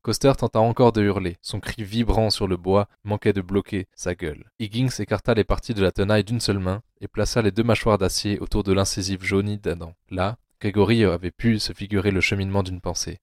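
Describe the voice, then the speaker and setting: A man reads a dark audio novel adaptation in a very low voice. His delivery is measured and grim, and the recording is dry and close with no room sound. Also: steady tone, no room sound. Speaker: narrator. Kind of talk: scripted audiobook narration.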